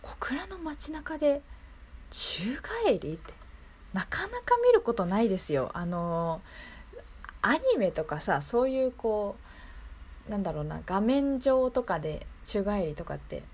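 A woman hosts a local radio show from the studio, addressing listeners politely and conversationally and often seeking their agreement. Her medium-pitched voice is sing-song and a little mellow with a husky quality, and she keeps a measured pace.

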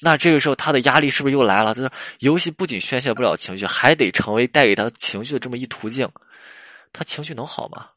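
A man's voice: medium pitch, fast talker, sharp tone, no echo, clean studio sound. A man hosting a casual relationship advice talk, chatty and full of rhetorical questions. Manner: chatty, laughs at his own stories, rhetorical questions.

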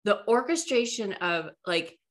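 A woman's voice: mid-range voice, lively intonation, measured pace. Woman host of a faith podcast, chatty and affirming, trips over her words. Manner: warm affirming listener, gets emotional, stumbles over words. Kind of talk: casual faith conversation.

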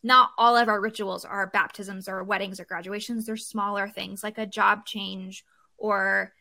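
Bright-voiced woman podcast host. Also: medium pitch, level tone, unhurried, vocal fry. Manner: chatty, rambling questions. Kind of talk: conversational podcast interview.

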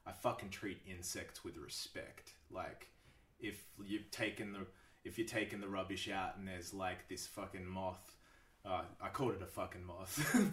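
A man's voice: low voice, a bit bright, echoey room, far from the mic. A man talking casually as a podcast guest. He swears freely and laughs often. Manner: laid-back, swears a lot, laughs often. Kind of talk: casual chat.

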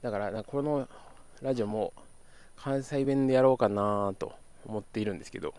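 This Kyoto podcast host is a young man whose fairly low, smooth voice has a darkish tone and a brisk pace, tinged with a slight Kansai intonation. Talking alone in a casual show, he wanders between thoughts, fixes his own words, and laughs softly.

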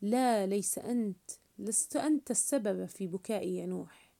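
A woman voicing a gentle, grieving young orphan boy who speaks in a sorrowful, pleading way in a storybook reading. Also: sits high, lively intonation, brisk, creaky, full character voice.

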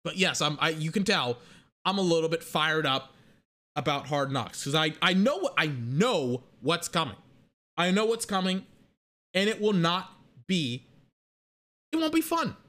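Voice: medium pitch, lively intonation, a bit bright. A young adult giving a heated, profane sports rant. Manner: angry, profane, fast ranting. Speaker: sports commentator.

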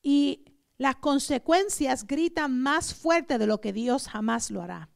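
A woman pastor preaching a sermon, asking the congregation rhetorical questions and swinging between loud emphasis and soft asides. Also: high voice, slow, gravelly. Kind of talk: Pentecostal sermon.

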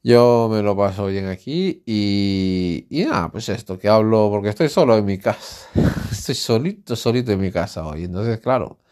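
A man's voice: lowish voice, normal speed, darkish tone, clear, resonant tone. A man with a Spanish accent from Spain, hosting a casual solo podcast from home, talking in a rambling, candid and outspoken way. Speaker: podcast host. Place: alone at home.

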